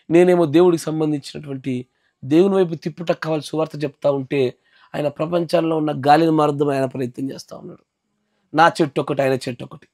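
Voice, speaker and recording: A man's voice: fairly high pitch, a little mellow, no echo, studio quality. A male pastor giving an emphatic sermon at a house gathering, often checking that his listeners follow.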